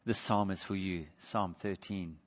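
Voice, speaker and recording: A man preaching a sermon, earnest, moving between quiet pleading and raised emphasis. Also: deep voice, fairly even intonation, a little slow. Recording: dull lo-fi sound with long hall reverb.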